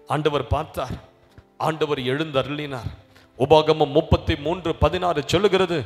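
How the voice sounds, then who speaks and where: Male pastor, high voice, hushed to shouting sermon, reverberant hall with music bed. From India. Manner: swings from hushed storytelling to loud shouting exhortation. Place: large hall at an evening service.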